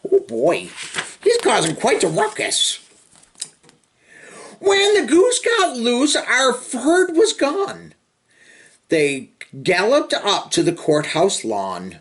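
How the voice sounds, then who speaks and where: Reading a picture book to a young listener, a man takes his time, speaking very slowly with wide, lilting pitch swings. His delivery is lively and drawn out, sprinkled with informal side remarks to the child.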